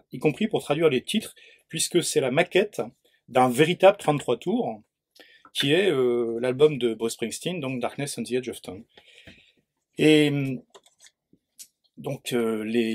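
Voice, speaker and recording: A man's voice: medium pitch, darkish tone, husky. A man hosting a discussion at a bookshop, introducing a book and asking the author questions, hesitant, with many fillers. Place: bookshop event.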